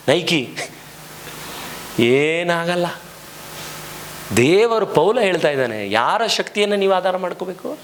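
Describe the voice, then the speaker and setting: In a church hall, a man with a voice on the high side and a bit of brightness preaches to his congregation as their pastor. He speaks with passion and piles up rhetorical questions. Some hiss or hum sits in the recording.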